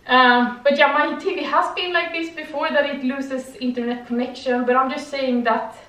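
A young female vlogger chats casually in her living room while doing yoga, rambling and often tagging on "okay?" Her high, slightly bright voice keeps a fairly even intonation at a moderate pace. A far-off camera mic captures her from a distance in an echoey room.

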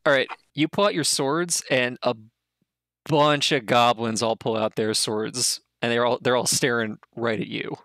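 A man's voice: mid-range voice, steady tone, measured pace, fairly bright tone, no echo. A man narrating as game master of a tabletop game, easygoing with fillers.

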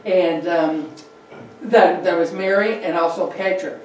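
With a low-leaning, darkish voice at a measured pace, a woman chats through a local history talk, adding fillers and asides as slides play. A distant room mic in a projector-equipped meeting room catches her amid heavy echo and slight background noise.

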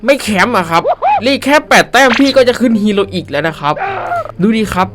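Young man, brash gaming commentator: loud, excitable trash talk, high-pitched, over loud game music. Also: fairly quick. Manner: loud, excitable, shouts and trash-talks at enemies. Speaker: gaming streamer.

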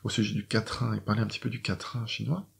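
A man's voice: fairly low pitch, little pitch movement, quick pace, vocal fry, fairly bright tone. A middle-aged French man, a doctor and poet, explaining to viewers how he writes classic Chinese verse, hesitant with many fillers and restarts. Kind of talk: explaining poetry writing to viewers.

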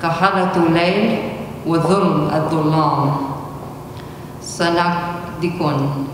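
A woman's voice: low voice, fairly even intonation, normal speed, noisy background. A young woman at an open mic, speaking hesitantly with many fillers before reading a poem at a podium. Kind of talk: spoken word poetry reading. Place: large indoor hall, at a podium. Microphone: stand mic at podium, recorded by far camera. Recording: echoey hall recorded from far off.

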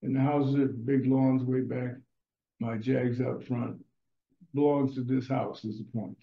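A man's voice: mid-range voice, fairly even intonation, a little slow. An older man telling casual, rambling stories in a blunt, profane way. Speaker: storyteller. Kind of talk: casual storytelling monologue. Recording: echoey room, slightly dull sound, faint music.

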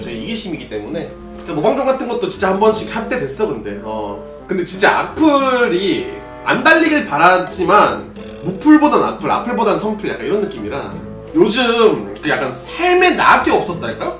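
Young man, Gyeongsang accent, high and animated streamer voice, distant roomy mic with faint music under him. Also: fairly quick. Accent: Gyeongsang Korean. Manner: casual, rambling, answers chat questions. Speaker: streamer, former pro gamer. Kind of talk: solo drinking livestream chat.

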